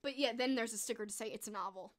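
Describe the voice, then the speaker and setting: A fast-talking woman whose high voice has gone hoarse, strained and croaky chats casually about the books and movies she reviews as a streamer. She's eager and peppers her talk with "like." A large studio microphone sits just in front of her in a small bedroom decorated with posters.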